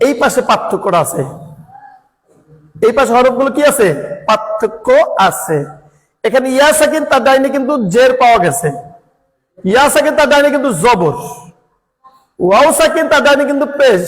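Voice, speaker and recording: In a large hall with poor audio, a man with a very high-pitched voice teaches Quran reading in a classroom-style lesson. He asks questions, answers them himself, and repeats each point.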